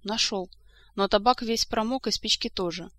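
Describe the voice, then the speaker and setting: A woman reading the part of a calm, practical man who heals a wound and gives patient instructions. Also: mid-range voice, normal speed, close to an everyday voice.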